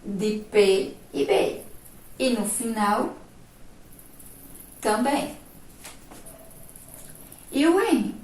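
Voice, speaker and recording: Slow patient Brazilian teacher woman. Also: a little high, lively intonation, a little mellow, reverberant, far from the mic, low-quality recording. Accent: Brazilian Portuguese. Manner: slow, patient, explains step by step with rhetorical questions. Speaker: primary school teacher. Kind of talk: remote classroom lesson.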